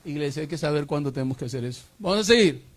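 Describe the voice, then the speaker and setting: A man's voice: a little high, animated, racing. A male pastor preaching a sermon with call-and-response and rhetorical questions.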